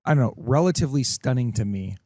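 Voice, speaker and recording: A man's voice: mid-range voice, lively intonation, quick pace, mellow, no echo. A man hosting a sports podcast in casual, rambling chat, full of likes and fillers. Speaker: podcast host.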